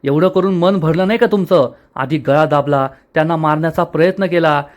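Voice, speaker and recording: Man reading as stern son, scolding, firm, slightly high voice. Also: a little fast, lightly acted. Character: stern young son scolding his mother.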